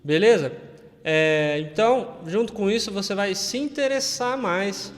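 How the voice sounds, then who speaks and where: A man's voice: high-pitched, unhurried, in a large hall, a little hiss or hum. A Brazilian man teaching English in a casual video lesson, chatty and often checking that viewers follow. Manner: chatty, keeps checking in with listeners.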